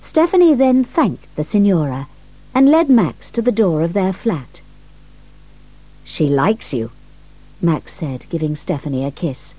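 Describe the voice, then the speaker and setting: A woman narrating a story in a calm, measured reading. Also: fairly low pitch, poor audio.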